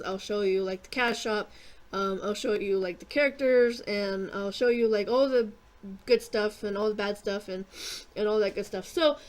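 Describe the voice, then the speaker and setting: A woman casually narrating her gameplay, rambling with lots of fillers and casual swearing, clearing her throat and coughing often. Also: fairly high pitch. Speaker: gaming YouTuber.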